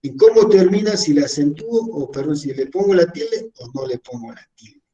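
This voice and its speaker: A man's voice: fairly high pitch, lively intonation, normal speed, warm tone, far from the mic, highs cut off. A man teaching a class, explaining rules step by step and checking in with his listeners. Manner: explains step by step, repeats syllables, asks "¿no?". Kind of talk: online class lecture. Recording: voice from away from the mic.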